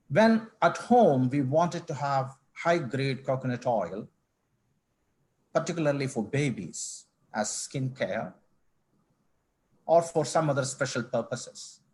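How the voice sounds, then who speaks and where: A middle-aged man from Kerala, a company managing director speaking as a guest in an online panel interview, measured and formal with frequent restarts. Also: mid-range voice, a little mellow. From India, Kerala. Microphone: video call.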